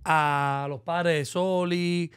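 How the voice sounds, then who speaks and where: A man's voice: a little high, steady tone, very slow, a bit bright, smooth. A man on a talk show, speaking earnestly and from the heart. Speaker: guest. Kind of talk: emotional interview.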